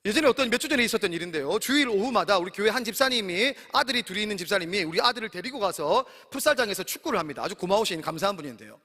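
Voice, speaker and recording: A man in his thirties preaching a sermon, animated and speaking often to his congregation. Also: high voice, rapid-fire, hardly any pauses. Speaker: pastor. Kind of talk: sermon at a campus worship service. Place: large worship hall. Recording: long hall reverb.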